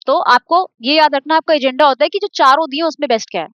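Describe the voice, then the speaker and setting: A woman's voice: high-pitched, quick pace, a bit bright, no echo, dull audio. A woman with an Indian accent teaching an exam-prep English lesson, explaining step by step and spelling words out letter by letter.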